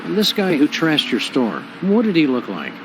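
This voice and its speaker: A man voicing a polite, deadpan, unflappable dog detective in a cartoon video game. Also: fairly high pitch, normal speed, noisy background. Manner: deadpan, courteous.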